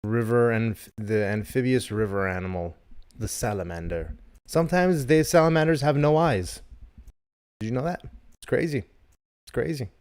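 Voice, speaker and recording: A man's voice: medium pitch, animated, moderate pace, a little mellow, smooth. A man in his thirties co-hosting a comedy podcast, rambling and joking with lots of swearing. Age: 30s. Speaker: podcast co-host. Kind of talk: casual chat.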